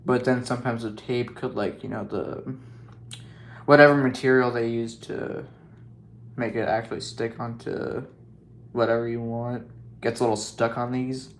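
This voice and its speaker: A man with a gravelly, middle-pitched voice talks casually as he works on a scale model, wandering from point to point and joking at his own expense. His speech is loose and full of fillers, and faint room noise sits under it. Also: fairly even intonation, moderate pace. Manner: rambling, self-joking, lots of fillers. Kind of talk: casual hobby vlog commentary.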